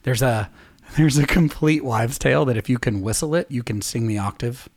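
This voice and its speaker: A chatty middle-aged man, a musician and podcast co-host, makes casual conversation, laughing easily and drifting into stories. His mid-range, darkish voice moves at a moderate pace, recorded dry and close with no room sound.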